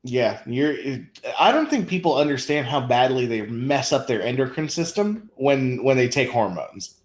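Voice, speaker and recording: A man's voice: mid-range voice, expressive, normal speed, roomy sound. A man co-hosting a casual livestream chat, offhand and mocking in tone. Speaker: co-host.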